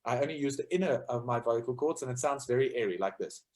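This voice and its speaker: Expressive and fast-talking, the man has a mid-range voice with a darkish tone. In an informal lecture on choral music featuring sung demonstrations, he explains things one step at a time, thinking aloud and leaning on fillers often.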